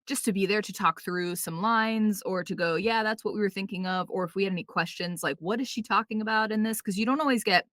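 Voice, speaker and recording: A woman's voice: mid-range voice, fairly quick, hardly any pauses, a bit bright, no echo, studio quality. A woman voice actress chatting in a casual podcast interview, full of fillers like "like" and "um.". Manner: chatty, filler-heavy, acts out quotes. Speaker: voice actress guest.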